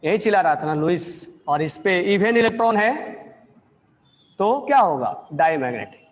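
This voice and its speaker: High-voiced male chemistry teacher. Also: animated, long reverb tail. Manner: dictates slowly, repeats phrases, quizzes students. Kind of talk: classroom lecture dictating notes.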